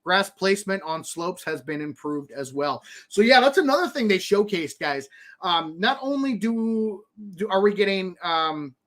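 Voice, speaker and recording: High-voiced excitable man rambling. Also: normal speed. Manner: rambling, many fillers and restarts, excitable. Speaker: streamer host reading patch notes. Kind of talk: casual commentary.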